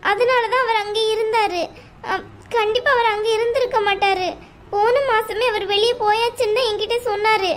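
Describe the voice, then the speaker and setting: A woman's voice: very high-pitched, steady tone, moderate pace, a bit bright, a little hiss or hum. A woman voicing a young, newly married wife who pleads tearfully with her mother-in-law in an amateur audio drama. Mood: pleading.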